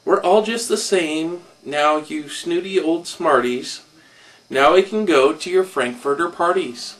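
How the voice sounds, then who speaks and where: Dad voicing smug little storybook critters, singsong teasing, kinda far from the mic. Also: male voice, fairly high pitch, measured pace, a bit bright. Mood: taunting. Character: boastful plain-bellied creatures crowing in a group.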